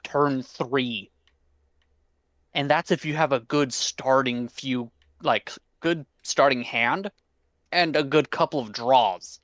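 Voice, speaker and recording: A man chatting casually with a friend on a stream, rambling and animated, swearing now and then. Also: medium pitch, no room sound, studio quality. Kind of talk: casual chat.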